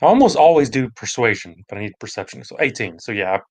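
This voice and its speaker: A man at a tabletop game who casually describes his character's actions. His voice sits at an even middle pitch. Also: quick pace. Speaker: player.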